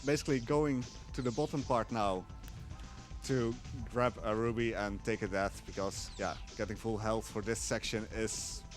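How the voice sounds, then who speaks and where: Playing through his own speedrun, a man gives live commentary, explaining as he goes with a relaxed, hesitant manner and lots of fillers. He speaks on the low side at a moderate pace, with faint music behind.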